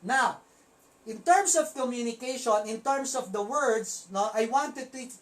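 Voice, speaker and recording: A woman with a Filipino accent giving an emphatic motivational training talk to networkers, often checking in with quick tag questions. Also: fairly high pitch, poor audio. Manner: emphatic, keeps asking "okay?" and "no?".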